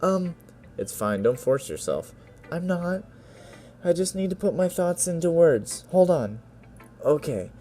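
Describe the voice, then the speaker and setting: A timid, soft-spoken teenage girl, as a man puts her on in a game reading, climbs into a high, lilting register. She hesitates, stammers and keeps apologizing. Gentle music sits quietly behind. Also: lively intonation, measured pace, pauses often. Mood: shy, hesitant. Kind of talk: video game voice-over reading.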